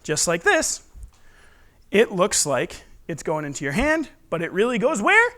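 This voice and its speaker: A man's voice: high voice, sing-song, a little slow, a bit bright. A man performing live as a magician, teaching tricks with playful kids party patter, teasing and putting questions to his audience. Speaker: stage magician. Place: live show in a room before a responding audience.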